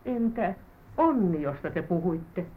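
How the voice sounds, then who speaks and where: An actress playing a devoted, pious housemaid in a vintage radio drama, weepy and easily alarmed. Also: female voice, on the low side, lively intonation, husky. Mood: anxious weepy. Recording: tinny old radio broadcast with faint hiss.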